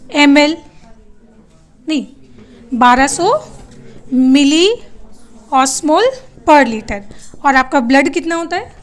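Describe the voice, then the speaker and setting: A woman teaching a biology class, who asks her students questions and answers them herself, often switching to English terms. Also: high-pitched. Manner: calls her students "beta" and tells them to write things down. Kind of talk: classroom lecture.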